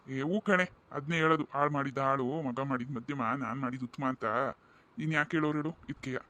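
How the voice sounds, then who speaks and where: A man's voice: medium pitch, quick pace, pushed and bright, natural voice. A man voicing an elderly village grandfather in a cartoon, joking and chatty in rural speech. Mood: teasing. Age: older.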